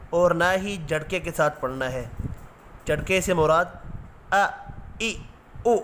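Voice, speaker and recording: A man with a Pakistani Urdu accent teaching a Quran reading lesson, drilling letter sounds slowly and patiently, one syllable at a time. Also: a little high, fairly bright tone, slight background noise. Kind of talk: slow syllable-by-syllable recitation lesson.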